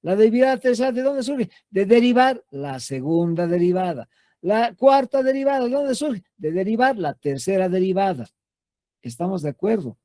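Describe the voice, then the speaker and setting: A man gives a math lecture at a slightly high pitch, his voice soft and mellow rather than bright. He explains patiently, repeats key terms and keeps checking in with his listeners. The sound is dry and close, with no room echo. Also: animated, normal speed. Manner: patient, repetitive, checks in with frequent "¿sí?". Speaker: math teacher. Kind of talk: classroom lecture.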